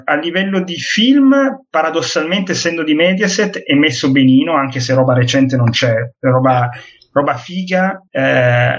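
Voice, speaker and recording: A man chatting casually on a group call, rambling and swearing offhandedly, heard over a muffled online call line. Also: on the high side. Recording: dull lo-fi call audio.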